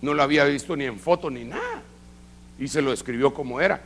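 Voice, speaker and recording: A middle-aged man preaching, telling a testimony with lively acted-out dialogue. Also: mid-range voice, fast. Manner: animated storytelling, acting out quoted dialogue. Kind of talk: sermon testimony. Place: church service.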